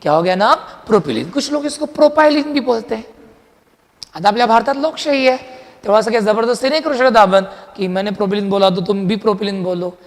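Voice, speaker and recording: A man teaching a chemistry lecture in a lively, chatty way, quizzing his students as he goes. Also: high-pitched, fast, big-room sound. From India. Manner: lively, chatty, mixes Hindi with English terms, quizzes students. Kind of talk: classroom lecture.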